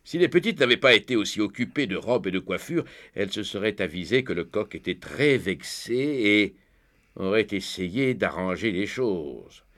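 A man narrating a children's storybook tale in a lively, expressive reading. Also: on the low side, moderate pace. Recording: faint background music.

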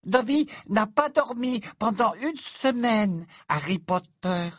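A woman voicing an eager, devoted little male house-elf with a squeaky, high voice in an audiobook. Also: expressive, slow, no room sound, studio quality. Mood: earnest. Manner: earnest and breathless, always addressing his master formally. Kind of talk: audiobook character voice.

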